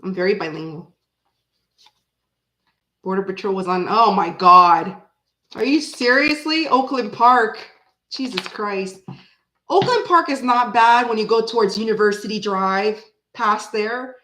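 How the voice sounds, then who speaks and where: A woman in her forties, born in Canada and raised in Florida, reads tarot and chats casually with livestream viewers in an American accent; she also speaks French. Her mid-range voice moves unhurriedly with frequent pauses, rambling before sudden animated bursts, and the sound is roomy.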